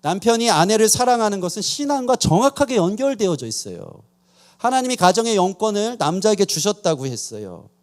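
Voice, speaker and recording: A male pastor delivering a sermon in a church. His voice sits high and leaps around with lively swings of pitch. He tells stories with self-deprecating humor before driving the lesson home. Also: brisk. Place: church sanctuary.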